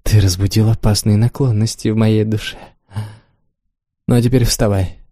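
Male reader as haughty cruel noblewoman, cold, measured, low dark tone, dry studio. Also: steady tone, no room sound, lightly acted.

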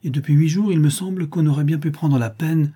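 A man's voice: fairly high pitch, a little fast, dark tone, breathy edge, voice pushed up. A man playing a genial teasing old count. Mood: jovial. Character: aristocratic older count, genial and teasing uncle.

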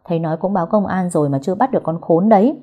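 A woman's voice: fairly low pitch, rapid-fire, highs cut off, lightly acted. A woman voicing a blunt, gossipy young female friend in an audio story.

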